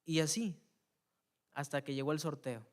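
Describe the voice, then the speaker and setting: A man preaching a church sermon, telling a personal story and building to loud, fervent appeals, often repeating words as he searches for them. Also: a little high, steady tone, moderate pace. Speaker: preacher giving testimony. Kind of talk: Spanish-language church sermon.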